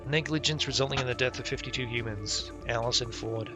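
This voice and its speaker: A brisk, mid-range male voice narrates a game on a live stream, reading the on-screen text aloud with game music in the background. His remarks are casual, profane and offhand.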